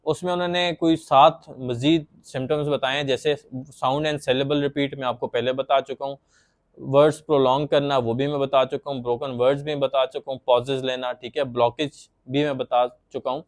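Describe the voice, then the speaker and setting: A man's voice: medium pitch, level tone, moderate pace. A man giving a patient, plain explanatory lecture on psychology, acting out stuttering examples as he goes.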